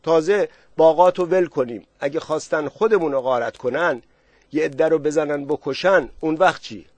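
A man's voice: on the high side, dry recording, pitched above the performer's own voice, close to an everyday voice. A man voicing a worried middle-aged villager who presses others with anxious questions.

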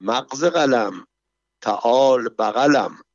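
A man plays a drunk, boastful courtier who slurs his way through broken Arabic at a slow drawl. The voice sits a little above the reader's own. The recording is dull and dry. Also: mid-range voice, animated, dry recording, lightly acted. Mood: tipsy boasting.

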